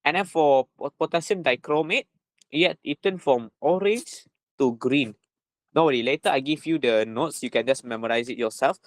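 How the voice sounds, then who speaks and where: A man's voice: mid-range voice, moderate pace. A man with a Malaysian accent giving an informal lesson as a tutor, repeating himself and often tagging phrases with little checking words. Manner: repetitive, punctuating with "right?" and "lah". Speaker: chemistry tutor.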